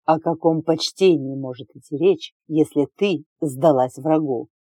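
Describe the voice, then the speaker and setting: A woman's voice: sits low, unhurried, mellow, husky, dry recording, voice pushed down. A woman voicing a burly, irritable male officer who barks and grumbles at a candidate in an audiobook. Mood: barking. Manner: barking, irritable.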